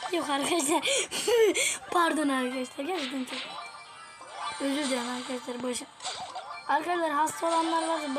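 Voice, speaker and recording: A woman giving casual gameplay commentary to her viewers, excitable, swinging between yelling at opponents and quiet apologies. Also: high-pitched. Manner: casual slangy talk to viewers. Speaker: gaming YouTuber.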